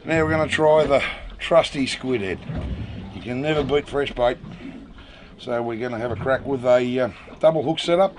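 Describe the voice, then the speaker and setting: A man's voice: mid-range voice, normal speed. A middle-aged man explaining a fishing rig step by step on a small boat at sea. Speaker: fishing host. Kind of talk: instructional commentary. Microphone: camera mic. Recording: wind and boat noise outdoors.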